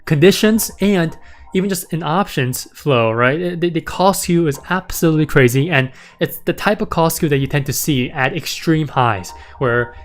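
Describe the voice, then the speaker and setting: Hosting a stock market livestream, a man chats casually in a raspy, sore voice that's a little high and moves at a moderate pace. He rambles and repeats words, often tacking on "right?" and "okay?".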